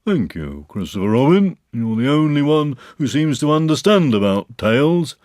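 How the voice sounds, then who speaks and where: Guy putting on a mopey old donkey, slow and sorry for himself, raised a bit higher than his own voice, sing-song drooping lines, dry close sound. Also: very animated, a little mellow, no echo, close to an everyday voice. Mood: glum complaining. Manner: slow, mournful complaining. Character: gloomy old male donkey, self-pitying.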